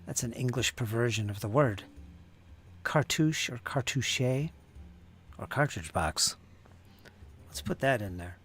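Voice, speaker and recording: With a fairly low, slightly rough and somewhat bright voice, this man talks at a moderate pace while painting miniatures on his channel. He chats and jokes casually, pondering aloud how words are pronounced.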